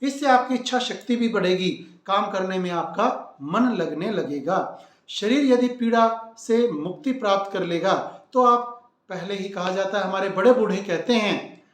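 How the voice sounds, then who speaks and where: Earnest high-voiced guy preaching remedies to viewers, roomy echo. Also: measured pace, a bit bright. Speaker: devotional channel host. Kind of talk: spiritual advice talk.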